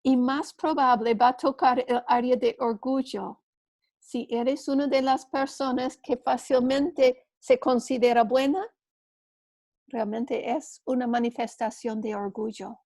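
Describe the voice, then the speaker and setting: Woman Bible teacher, high voice, slow and earnest, dry close sound. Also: steady tone, darkish tone, no room sound. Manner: earnest, storytelling, with small restarts. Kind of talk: church women's class teaching.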